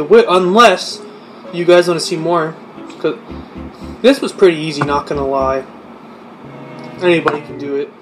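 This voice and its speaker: A young male YouTuber with a fairly high voice makes a casual cooking vlog in his home kitchen, joking and poking fun at himself. The background is noisy, with music playing underneath.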